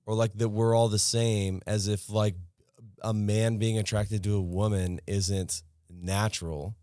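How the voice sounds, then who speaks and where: Speaking unhurriedly in a lowish voice, a man co-hosts a podcast and launches into a profane, animated rant in casual chat. The sound is studio quality with no room sound.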